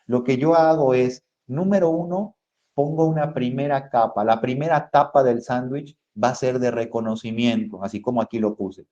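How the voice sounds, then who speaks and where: A psychologist with a Mexican accent gives a motivational lecture, his mid-range voice dark-toned and at normal speed, with lo-fi sound. He keeps it conversational, addressing the audience as friends and asking lots of rhetorical questions.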